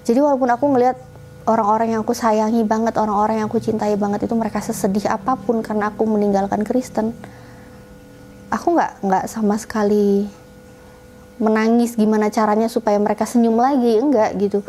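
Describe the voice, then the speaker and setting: A woman's voice: on the high side, flat delivery, fairly quick, mellow, a little hiss or hum. A woman guest in an interview, telling a personal story casually and acting out her family's lines as she goes.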